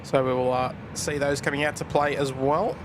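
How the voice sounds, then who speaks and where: A man's voice: medium pitch, fairly even intonation, moderate pace. Aussie guy doing chill live commentary for a stream, outside, noisy background. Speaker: plane spotting livestream host. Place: outdoors at an airport. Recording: outdoor ambient noise behind voice.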